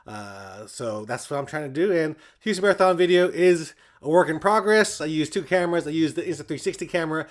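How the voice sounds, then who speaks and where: Guy doing a laid-back chatty vlog update, voice a bit on the high side. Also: lively intonation, fairly quick, few pauses. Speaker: running vlogger and channel host. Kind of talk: casual chat to viewers.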